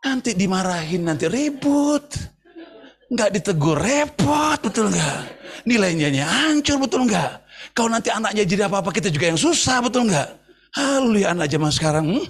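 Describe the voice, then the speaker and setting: A man preaching a sermon to an online congregation in an animated, joking way, often asking the listeners whether they agree. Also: high voice, moderate pace. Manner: animated and joking, asks the congregation "betul nggak?". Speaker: pastor. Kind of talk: sermon at an online church service.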